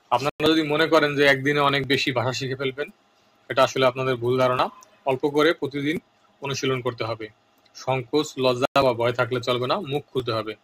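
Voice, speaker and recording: A man teaching a vocabulary lesson, saying each word twice in slow, deliberate drills with earnest advice between lists. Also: medium pitch, fairly bright tone. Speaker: language teacher.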